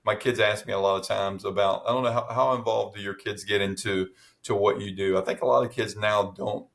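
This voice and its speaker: A man's voice: fairly low pitch, fairly even intonation, brisk, creaky, a bit bright. A middle-aged man in casual chat as podcast co-host, telling stories with many restarts and fillers.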